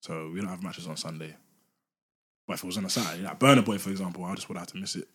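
A man's voice: low-pitched, rapid-fire, husky. A young man with a London accent in casual banter with friends on a podcast, speaking in slangy, repetitive, emphatic phrases. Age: young adult. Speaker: podcast panellist.

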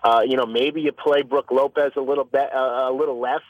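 A basketball writer calling in by phone to a sports radio show, breaking down playoff matchups in a halting way full of fillers and restarts. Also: male voice, medium pitch, fairly even intonation, dry recording. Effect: over the phone. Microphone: telephone. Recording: dull lo-fi phone line.

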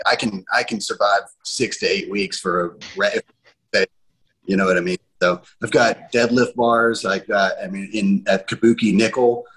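A man's voice: lowish voice, fairly bright tone, poor audio. A man talking loosely and conversationally in a casual hobbyist chat, with casual swearing. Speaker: home gym roundtable panelist.

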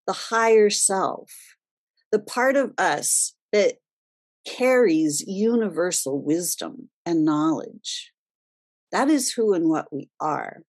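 A woman host gives a spiritual self-help talk at a slow, deliberate pace, pausing for emphasis. Her voice is a little husky, and her pitch sits in the middle range. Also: a little mellow. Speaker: host of a wellness radio show.

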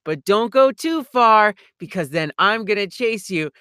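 A woman's voice: medium pitch, animated, a little slow, fairly bright tone, clean tone, no echo, studio quality. A woman in casual podcast chat, playful and riffing in goofy put-on voices. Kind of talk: casual chat with joking voice bits.

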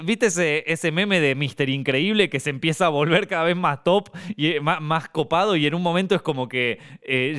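A man with an Argentine accent hosting a casual film podcast, animated, swearing freely and drifting off-topic, on a close, dry mic. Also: sits high, smooth, no echo. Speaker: podcast host.

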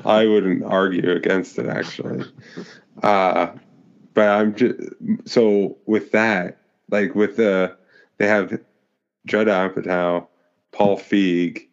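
A man's voice: deep voice, flat delivery, slow, lo-fi sound. A man co-hosting a casual movie discussion, rambling with many fillers and restarts. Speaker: podcast co-host.

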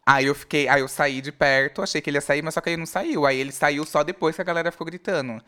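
Host, male, smooth resonant voice, animated casual storyteller. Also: a little high, fast. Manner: lively storytelling, slangy. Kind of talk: casual chat.

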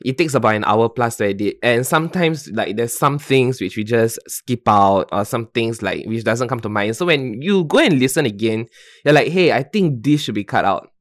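A young man, a podcast guest in casual chat, earnest, agreeable and quick to laugh. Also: mid-range voice, expressive.

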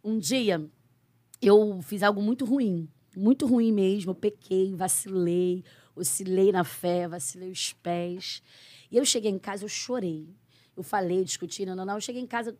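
Brazilian woman missionary, mid-pitched, lively testimony, dry close sound. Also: unhurried, dry recording. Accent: Brazilian Portuguese. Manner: expressive storyteller who acts out quoted dialogue. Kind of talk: conversational testimony in an interview.

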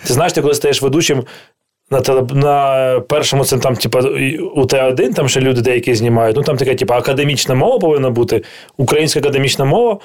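A man, a guest chef, chatting casually and telling lively stories, swearing freely and acting out the voices of people he quotes. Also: mid-range voice, fast. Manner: animated storyteller who swears freely and acts out quoted dialogue. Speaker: guest chef and TV cooking host. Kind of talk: casual podcast chat.

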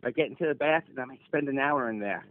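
A man's voice: medium pitch, fast talker, no room sound. A man in his fifties, an HVAC technician, chatting easily as a podcast guest and telling stories. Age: 50s. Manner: easygoing, rambling storyteller. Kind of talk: casual podcast chat. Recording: tinny phone-like line.

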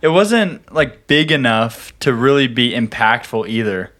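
A man's voice: medium pitch, expressive, a little slow, a bit bright. A man co-hosting a casual movie review podcast, laughing often and making wry complaints about the plot. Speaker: podcast co-host.

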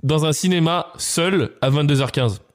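A man's voice: a little high, normal speed. Rambling young Frenchman telling a story. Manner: rambling, hesitant, full of fillers. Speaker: podcast co-host. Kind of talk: casual banter, rambling film recap.

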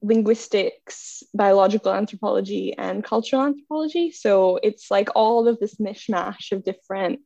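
A creaky, dark-toned, medium-pitched voice belongs to a young woman from Bangladesh who has an American accent. Talking at normal speed with few pauses, she's a podcast guest in a casual chat, chatty and self-deprecating, laughing often. The recording has no room sound and feels dull and dry.

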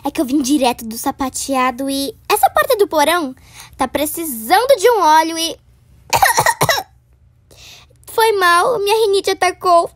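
Very high-pitched theatrical little girl. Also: expressive, normal speed, no echo, clean studio sound. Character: chatty, dramatic little girl, keen on spooky tales. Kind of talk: children's horror audio drama.

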